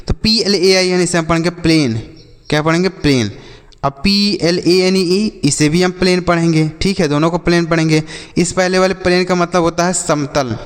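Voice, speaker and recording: A man teaching an English vocabulary lesson, spelling words letter by letter and asking questions that he answers himself. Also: on the high side. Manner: asks questions and answers them himself, addresses viewers as children. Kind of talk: classroom-style vocabulary lesson. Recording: long hall reverb.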